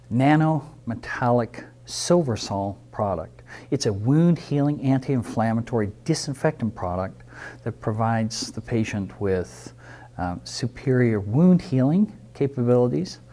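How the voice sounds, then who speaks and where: A man, a dentist, explaining a clinical procedure in a measured, emphatic way. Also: mid-range voice, dark tone.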